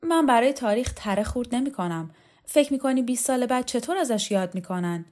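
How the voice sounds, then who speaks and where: A woman's voice: a little high, animated, a little mellow, voice pushed up, close to an everyday voice. A woman voicing a cool, mocking woman veteran. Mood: sardonic. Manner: dry, mocking.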